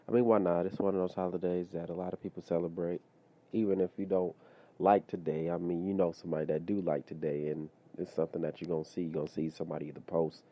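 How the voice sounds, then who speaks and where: A man with a very low, deep voice talks off the cuff on his solo podcast, looping back with fillers and asides. His comes through in a relaxed, conversational flow. The audio is a bit dull and lo-fi. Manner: loose conversational, many fillers like "you know what I mean". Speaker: podcast host. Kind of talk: casual solo podcast monologue.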